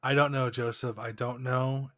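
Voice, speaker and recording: A man's voice: medium pitch, little pitch movement, moderate pace, a bit bright, no echo, clean studio sound. A man co-hosting a casual podcast, venting with sighs, restarts and trailing thoughts. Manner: exasperated, rambling with restarts and sighs. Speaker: podcast co-host. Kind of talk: casual chat.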